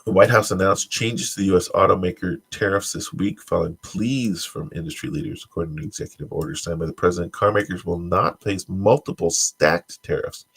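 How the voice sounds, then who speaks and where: Deep, creaky, and slightly rough, this man's voice carries a tech news stream. He mentions he's congested, and between stumbling read-outs he offers dry, wry asides as offhand commentary.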